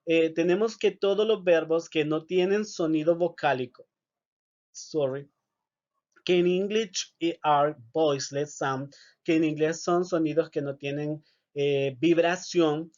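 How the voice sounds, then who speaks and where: Slow-talking male English teacher, lo-fi. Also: fairly high pitch, steady tone, darkish tone. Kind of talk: recorded video lesson.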